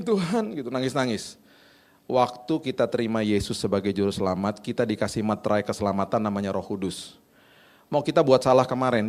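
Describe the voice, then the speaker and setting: A man preaching a casual sermon, telling stories and acting out conversations in a relaxed, slangy way. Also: medium pitch. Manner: conversational, tells anecdotes, acts out dialogue; informal Jakarta slang. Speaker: pastor.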